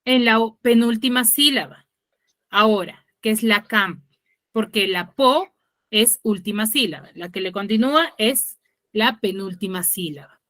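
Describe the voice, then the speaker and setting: A woman teacher explaining over a video call, often checking understanding with quick tag questions and correcting herself mid-sentence. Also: mid-range voice, a bit bright, no room sound, studio quality. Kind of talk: online class explanation.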